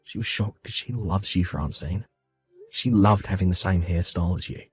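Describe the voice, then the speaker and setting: A man calmly telling his own family story in the first person and voicing his part of the dialogue with reassuring warmth. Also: deep voice, moderate pace, breathy edge, no echo, soft background music. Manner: calm, reassuring, heartfelt.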